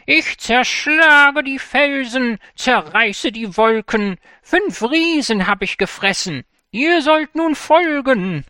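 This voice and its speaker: A storyteller voicing a small, boastful sea bass who chants loud, drawn-out threats. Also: lively intonation, clean tone, dry recording, full character voice. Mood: menacing boast.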